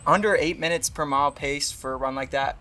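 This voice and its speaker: A man's voice: fairly high pitch, a little fast, pushed and bright, slight background noise. A man talking casually to camera in a vlog, tired and out of breath from a hard run, speaking with effort and emphasis. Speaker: running vlogger.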